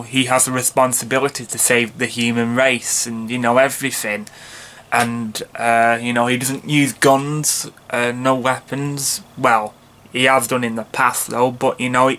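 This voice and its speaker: A man's voice: mid-range voice, pushed and bright. An earnest young man in his early twenties talks straight to his viewers. His delivery rambles, is packed with "you know" fillers and false starts, and sounds sincerely enthusiastic. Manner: earnest, heartfelt fan enthusiasm. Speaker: vlogger, channel host. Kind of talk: casual fan vlog chat.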